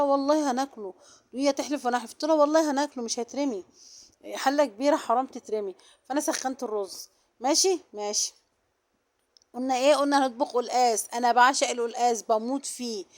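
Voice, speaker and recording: A woman with an Egyptian Arabic accent and a soft, low-volume voice, chatting directly to viewers in a casual vlog. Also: fast talker. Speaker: vlogger.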